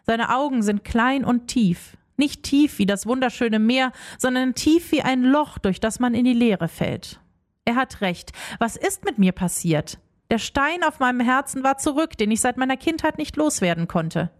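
Expressive young woman narrating a story. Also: a little high, moderate pace. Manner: expressive, emotional, acts out dialogue. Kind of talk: first-person story narration.

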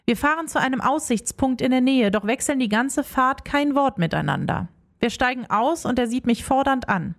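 A young woman narrating a first-person story in an expressive, emotional way. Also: high-pitched, normal speed. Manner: expressive, emotional, acts out dialogue.

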